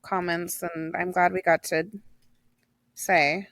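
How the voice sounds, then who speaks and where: A woman's voice: lowish voice, little pitch movement, slow, fairly bright tone, no echo, studio quality. Chatty young woman co-hosting a podcast. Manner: chatty, laughs easily, emphatic. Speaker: podcast co-host. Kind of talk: casual chat.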